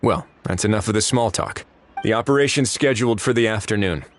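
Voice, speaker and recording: An actor playing a laid-back, wry investigator in a video game, casual and considerate. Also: male voice, on the low side, a little fast, slight background noise, close to an everyday voice. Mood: easygoing, considerate. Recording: music behind the voice.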